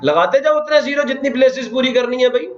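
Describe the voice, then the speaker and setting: A Pakistani man teaches a math class in an echoey classroom, talking fast in an extremely high voice while faint music plays behind him. He keeps asking his students questions and counts places aloud, and the recording sounds dull and lo-fi.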